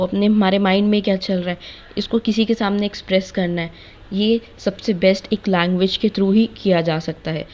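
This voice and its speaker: Young woman lecturer, mid pitch, slightly dull lo-fi sound. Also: a little mellow. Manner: mixes Hindi and English, lists points one by one. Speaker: B.Ed. course teacher. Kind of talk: explanatory lecture.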